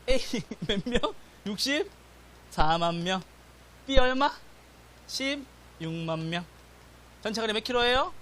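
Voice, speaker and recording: A man lecturing an exam-prep class in a classroom, his pitch leaping up and down as he talks. He fires short questions at the students, answers them himself and keeps asking whether they follow. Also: slight background noise. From South Korea. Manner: animated, drills students with rapid question-and-answer, repeats "got it?". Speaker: real estate exam instructor.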